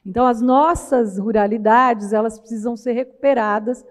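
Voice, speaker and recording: A woman's voice: on the high side, moderate pace. Reflective woman with a caipira accent. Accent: caipira, interior São Paulo. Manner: reflective, winding sentences with frequent tag questions. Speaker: panel speaker. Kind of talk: academic conference talk. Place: large auditorium. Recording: long hall reverb.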